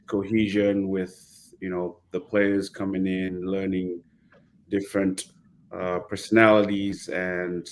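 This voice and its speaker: A middle-aged man, a rugby coach speaking as a guest in a casual interview, measured and pausing as he talks over a video call. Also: deep voice, a little hiss or hum. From Fiji.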